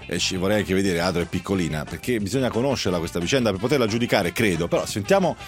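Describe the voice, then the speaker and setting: A man's voice: sits low, expressive, quick pace, soft background music. A man hosting a radio call-in show, talking in a bantering, teasing way. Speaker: radio host. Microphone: studio microphone.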